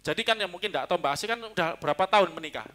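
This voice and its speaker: A man preaching a sermon as pastor, talking in a lively, joking way. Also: sits high, very fast. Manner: lively, joking, mixes in Javanese.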